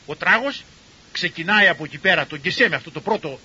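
An older man, a cardiologist, tells stories to an audience in a lively way and acts out the people he quotes. His voice is husky. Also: sits high, dull audio. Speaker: cardiologist and university professor giving a talk. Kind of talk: storytelling talk to an audience.

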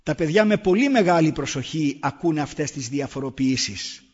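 Husky-voiced man speaking in an echoing hall. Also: a little high, lively intonation. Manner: earnest, emphatic, uses rhetorical questions. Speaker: speaker answering audience questions. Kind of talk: public talk on raising children. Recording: echoey hall, dull lo-fi sound.

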